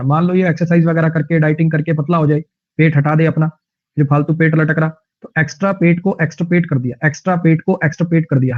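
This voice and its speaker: With the high frequencies cut off, the audio captures a male teacher speaking Hindi with a Haryanvi accent in a slightly high voice. He keeps his online vocabulary lesson chatty and humorous, peppered with lively anecdotes.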